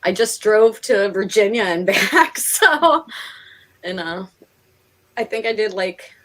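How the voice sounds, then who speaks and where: A woman with a Northeastern American accent, from Pennsylvania and New York in the United States, hosts a live stream and chats casually in a giggly, talkative manner. She takes it slowly, with a medium-pitched voice and a fairly bright tone.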